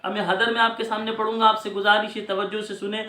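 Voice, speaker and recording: Brief: male recitation teacher, patient letter-by-letter explanations, crisp bright tone. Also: sits high, flat delivery, roomy sound. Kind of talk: spelling out recitation rules.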